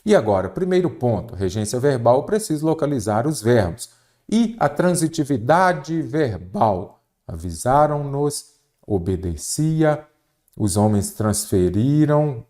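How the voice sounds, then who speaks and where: A man's voice: medium pitch, mellow. A Brazilian man teaching a Portuguese grammar lesson for exam prep, explaining step by step and asking and answering his own questions.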